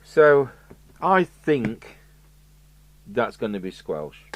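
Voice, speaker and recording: A British man speaks very slowly at a medium, sing-song pitch, and the audio is dull. He's a radio repair technician presenting a review, thinking aloud in a casual, matter-of-fact, musing way as he works in an indoor electronics workshop. There's clear background noise with an electrical hum.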